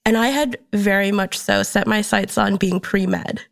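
A woman from Minnesota chats as a guest on a studio podcast. She talks in an easygoing, unhurried way and laughs easily. Her voice carries a gravelly fry. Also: medium pitch, steady tone. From Minnesota, USA. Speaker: guest, graphic designer. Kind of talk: casual interview chat. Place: recording studio.

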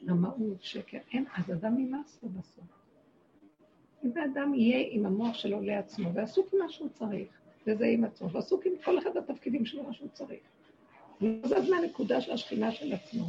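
Gravelly-voiced woman teaching a religious lesson. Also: fairly high pitch, animated, warm tone, dull audio, slight background noise. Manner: emphatic, short repeated phrases. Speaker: spiritual teacher.

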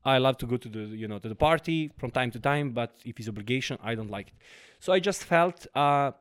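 A man, a guest entrepreneur telling his life story in a casual interview, animated and quoting himself often. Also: medium pitch, a little fast. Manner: animated, quotes himself often, frequent fillers.

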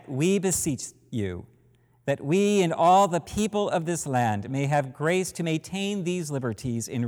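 A man, a priest, intones liturgical prayers at a slow, deliberate pace in a fairly high voice. His words ring out with the long cathedral echo of a large church. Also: darkish tone. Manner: slow, measured, solemn intoning. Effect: cathedral echo, long reverb of a large church. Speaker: priest leading a church service. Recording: long echoing church reverb.

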